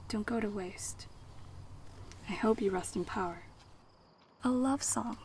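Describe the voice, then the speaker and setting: 20 y/o woman reciting a spoken word poem, rhythmic and dramatic, husky half-whisper, gravelly edges. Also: medium pitch, a little hiss or hum, poor audio. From United States. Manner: rhythmic, dramatic delivery with repeated refrains. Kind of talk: spoken word poetry performance. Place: banquet event.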